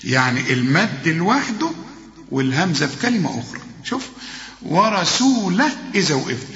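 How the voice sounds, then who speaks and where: A man with an Egyptian accent teaching Quran recitation, explaining rules step by step and chanting slow, drawn-out examples while quizzing his student. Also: fairly high pitch, big pitch swings, a bit bright. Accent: Egyptian Arabic. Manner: talks straight to the student, correcting and quizzing. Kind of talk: tajweed lesson. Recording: echoey hall, dull lo-fi sound.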